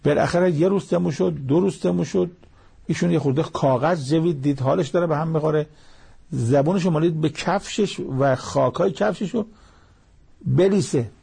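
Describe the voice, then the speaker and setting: A man's voice: fairly high pitch, gravelly, mellow, slightly rough. A man preaching a sermon with Quran commentary, reciting Arabic verses and telling moral anecdotes.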